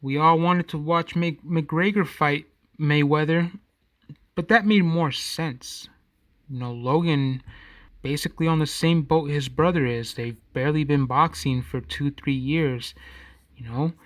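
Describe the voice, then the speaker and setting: Slow-talking man with a dry close sound. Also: a little high, fairly even intonation, no echo. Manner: rambling, self-correcting, conversational. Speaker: podcast host. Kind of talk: casual solo commentary.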